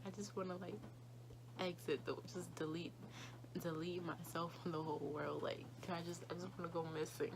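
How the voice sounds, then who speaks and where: Grieving young woman, low creaky voice. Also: flat delivery, background noise. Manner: halting, quiet and broken-up, repeating herself. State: tearful and grieving. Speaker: vlogger. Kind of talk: emotional personal vlog.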